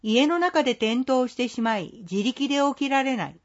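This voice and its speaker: A woman reading a scripted community announcement in a polite, measured, formal way. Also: high-pitched, lively intonation, dull audio. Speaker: care facility staff announcer.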